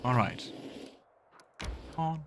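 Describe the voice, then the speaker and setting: A man streams a video game with casual let's play commentary, thinking out loud to himself as he goes. He speaks slowly, and there's noise in the background.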